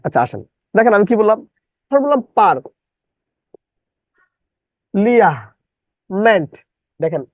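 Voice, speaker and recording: A man's voice: sits high, no room sound, highs cut off. Give me a male English teacher who drills words syllable by syllable. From Bangladesh. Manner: drills students, repeats questions, spells words out syllable by syllable. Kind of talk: live online English lesson.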